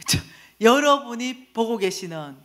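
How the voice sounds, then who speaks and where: A woman lay minister giving a lively testimony at a church seminar, acting out the voices in her story. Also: fairly high pitch, unhurried.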